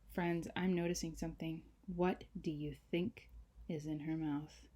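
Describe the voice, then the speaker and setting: Her deep voice carries a children's storybook read aloud in a teacherly style. She leans into dramatic emphasis, drops into hushed moments, and chats with the young audience in asides.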